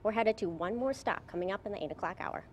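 A woman in her thirties reporting live from a restaurant, upbeat with quick affirmations, on a handheld mic. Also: medium pitch, a little hiss or hum. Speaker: TV field reporter. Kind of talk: live morning TV interview. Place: restaurant dining room, indoors. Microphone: handheld station mic.

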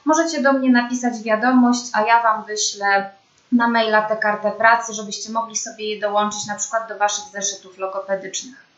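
A young woman speech therapist giving a slow, patient lesson to children, with careful, clear pronunciation. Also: mid-range voice, fairly even intonation, a bit bright. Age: young adult. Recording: dull, roomy home recording.

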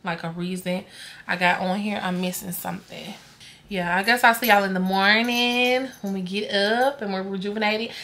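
With a mid-range, fairly bright voice, a young woman talks at normal speed in a steady tone. She is a vlogger having a casual chat to the camera at home at night, tired and rambling, talking to her dog and often trailing off to herself.

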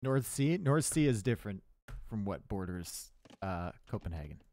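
He commentates a live esports match with a Canadian accent, chatty and joking, with dry sarcasm and chat banter. His voice is fairly low and his speed normal, though he shouts loudly and excitedly when things get tense.

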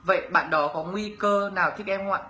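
Bright-voiced young man with a northern accent. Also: sits high, brisk, roomy sound, a little hiss or hum. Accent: Northern Vietnamese. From Bac Ninh, northern Vietnam. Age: young adult. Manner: chatty, teasing, reads comments aloud and greets viewers. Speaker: YouTuber answering viewer questions. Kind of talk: casual livestream Q&A.

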